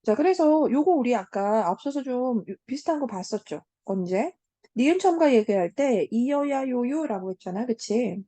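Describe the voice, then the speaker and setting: Lively, warm-voiced woman teaching grammar. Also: a little high, no room sound. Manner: fills pauses with "자" and "음", asks the class check questions. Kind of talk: online lecture to high school students.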